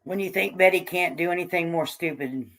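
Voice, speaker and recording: Reading and responding to viewer messages, a middle-aged or older woman from the United States jokes her way through a casual stream with salty slang and irreverence, a product of her hippie upbringing. Her slightly low voice is brisk and a bit bright.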